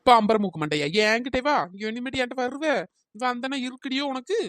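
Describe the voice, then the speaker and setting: A squeaky, high-pitched cartoon wife, as a voice actor plays her, rattling off accusations at a quick clip. She is suspicious, bossy and melodramatic, with a pitch-shifted cartoon tone. The sound is dry and close. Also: lively intonation, fairly bright tone, no echo. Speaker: cartoon character. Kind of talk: comic cartoon dialogue.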